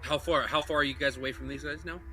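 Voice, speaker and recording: Young male game master, bright and forward voice, stop-start narration. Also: a little high, fairly even intonation, a little hiss or hum. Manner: halting, many restarts while describing scenes. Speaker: dungeon master. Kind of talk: narrating a tabletop game over a call.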